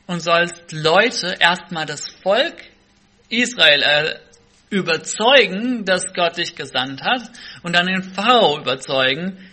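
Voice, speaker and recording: A man giving a sermon, slow and reflective, reading scripture aloud and explaining it. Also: high voice, bright, forceful tone. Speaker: preacher.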